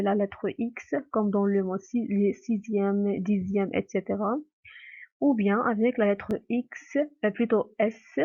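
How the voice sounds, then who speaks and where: A woman's voice: medium pitch, a little mellow, muffled recording. A woman teacher giving a patient phonics lesson to young children, repeating words and asking questions.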